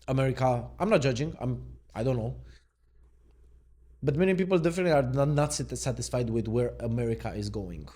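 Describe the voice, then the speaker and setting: Relaxed male coach for an off-the-cuff reaction clip; thinks out loud, mid-range voice. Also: medium pitch. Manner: musing, thinks aloud and questions what he reads; easygoing, laid-back. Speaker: mindset coach. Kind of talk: unscripted reaction video.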